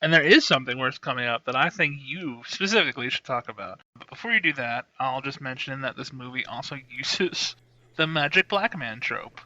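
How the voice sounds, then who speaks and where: A man's voice: mid-range voice, lively intonation, brisk, bright, forceful tone. A man co-hosting a podcast, chatting wryly about a film and laughing through his sentences. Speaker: podcast co-host. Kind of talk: casual comedic film review chat. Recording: dry, dull lo-fi mic.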